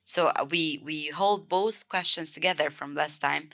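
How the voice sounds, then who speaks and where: A woman from Egypt with an Egyptian accent, teaching a beginner language lesson and clearly repeating each word several times. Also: deep voice, measured pace, bright, forceful tone. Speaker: Arabic teacher.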